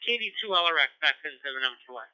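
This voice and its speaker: A man's voice: on the high side, expressive, racing, sharp tone, clean tone. A man who is a net control operator, answering on a radio net in a rambling, friendly way with many fillers. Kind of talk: casual radio net chat. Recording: dull lo-fi radio audio.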